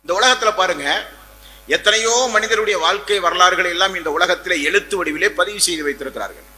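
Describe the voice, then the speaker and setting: A man's voice: high-pitched, brisk, bright, forceful tone. A man preaching an Islamic sermon, emphatic, repeating phrases and asking rhetorical questions. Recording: long hall reverb.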